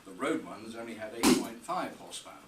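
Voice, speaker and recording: A man's voice: fairly low pitch, sing-song, quick pace. An older man telling dry, humorous anecdotes in a tribute speech at a birthday reception. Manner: dry humour, storytelling pace. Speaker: speaker giving a birthday tribute. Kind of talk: after-dinner speech with anecdotes. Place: hotel reception room. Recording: roomy, distant, noisy function room.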